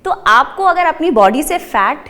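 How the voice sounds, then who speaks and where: High-voiced woman wellness coach. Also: lively intonation, unhurried, a bit bright, in a large hall. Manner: mixes English into explanations, counts out moves. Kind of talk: TV interview, explaining exercise.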